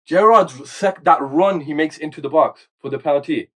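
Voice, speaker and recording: Animated young man telling a story. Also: a little high, moderate pace. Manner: animated storyteller, restarts and slang. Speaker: panelist. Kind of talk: casual football banter.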